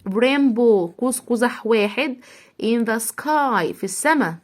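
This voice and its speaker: A woman's voice: on the high side, animated. A woman with an Egyptian Arabic accent teaching English vocabulary to children. She spells each word out syllable by syllable and has the listener repeat it after her. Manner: sounds out words slowly, syllable by syllable, and repeats them.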